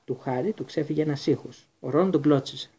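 Guy narrating an audiobook, husky dark voice, steady. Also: a little high. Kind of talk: scripted storybook narration.

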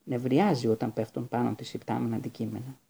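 Male reader as an awkward teen boy; gravelly. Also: medium pitch, steady tone, mellow. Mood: hesitant.

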